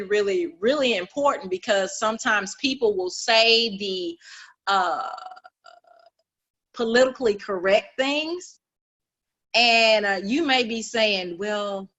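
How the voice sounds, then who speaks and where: A woman's voice: a little high, a bit bright, muffled recording. A woman hosting an interview, agreeing with her guest and building on her points with everyday examples. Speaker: interview host. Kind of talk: conversational interview.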